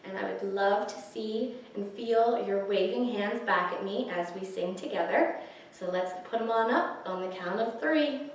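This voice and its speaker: At a story time for young children, a woman introduces and reads picture books, singing along and keeping her phrases simple and encouraging. She speaks in a mid-range voice at a measured pace. It's recorded from a distance in a very echoey room.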